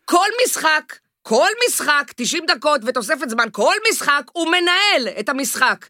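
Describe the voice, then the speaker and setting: Sharp, bright-voiced woman cutting in. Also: sits high, lively intonation, no echo, clean studio sound. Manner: sharp, cuts others off. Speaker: sports show host. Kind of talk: heated studio debate.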